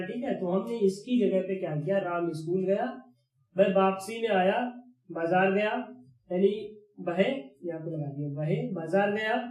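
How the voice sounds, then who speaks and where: A man's voice: high-pitched, darkish tone. A male teacher explaining grammar, asking himself questions and repeating key words. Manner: repetitive question-and-answer explaining. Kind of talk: grammar lesson. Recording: echoey room.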